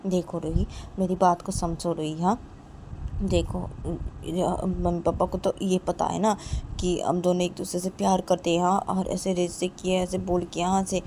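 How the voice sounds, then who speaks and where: A woman's voice: fairly low pitch, flat delivery, a little slow, dark tone, a little hiss or hum, voice pushed down. A woman voicing a young woman in love who keeps pleading and repeating herself to win her partner over. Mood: persuading. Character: pleading young woman lover, anxious and insistent. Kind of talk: amateur story narration with voices.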